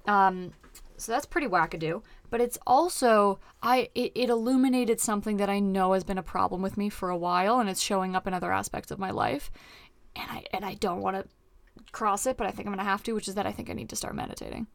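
A woman at a middle pitch, recorded close and dry, hosts a casual comedic chat. She is exclamatory and slangy, and swears freely. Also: fast, creaky, no room sound. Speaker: podcast host, comedian.

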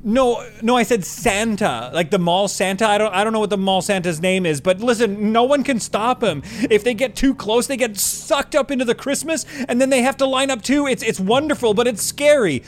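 A man's voice: fairly high pitch, very animated, moderate pace, faint music behind. A man playing a flustered, gushing mall worker in a comedy sketch, rambling and dramatic. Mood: panicked.

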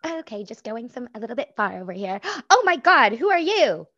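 A woman voicing an excitable young girl who talks in giggly teen slang, in an improv comedy scene. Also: mid-range voice, fast talker, no room sound, dull audio. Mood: excited.

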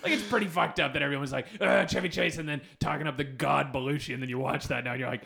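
A man's voice: mid-range voice, rapid-fire, creaky, pushed and bright. A man hosting a casual comedic chat, sarcastic and riffing in mock-grand asides. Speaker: podcast host.

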